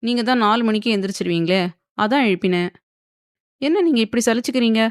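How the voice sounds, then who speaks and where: A woman voicing a sharp-tongued young wife who argues back at her husband in a teasing, quarrelsome way. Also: fairly high pitch, animated, a little fast, dry recording, studio quality, voice pushed up, close to an everyday voice. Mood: sulky, retorting.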